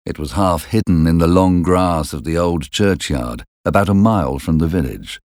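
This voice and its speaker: A man reading a story aloud in a slow, deliberate way, close to the mic. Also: sits low, darkish tone, no echo. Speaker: audiobook reader. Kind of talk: storybook narration.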